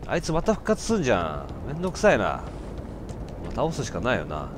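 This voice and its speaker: A man giving casual let's-play commentary, breaking from muttered asides into loud startled outbursts. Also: medium pitch, huge pitch swings, fast talker, noisy background.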